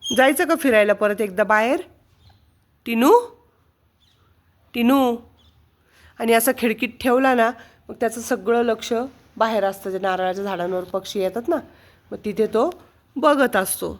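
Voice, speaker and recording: A woman's voice: a little high, measured pace, pauses often. A woman in a casual home vlog, talking in coaxing baby talk to her pet parrot. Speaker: vlogger.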